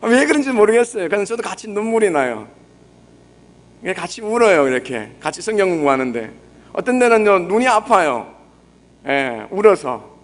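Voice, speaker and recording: A young male pastor with a Busan Gyeongsang accent, preaching gently and conversationally, often putting questions to the congregation. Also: high-pitched, very animated, moderate pace. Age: young adult. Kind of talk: sermon.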